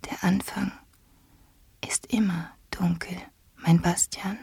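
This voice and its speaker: A woman voicing a gentle, childlike girl empress in a whispered role-play, airy and tender. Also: on the low side, fairly even intonation, takes it slowly, creaky, husky, no room sound, heavily acted.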